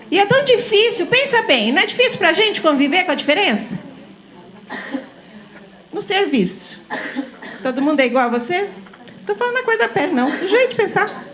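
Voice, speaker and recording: A middle-aged woman from São Paulo, Brazil, addresses a room of teachers in a high, lively voice. Her lecture is informal and chatty; she laughs easily and keeps asking the audience small questions to get their agreement.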